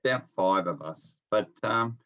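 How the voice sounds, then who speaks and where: With a lowish, expressive voice at a measured pace, a middle-aged Melbourne nurse chats as an interview guest, telling colloquial, laid-back stories. He's calling remotely from home, and the sound is phone quality.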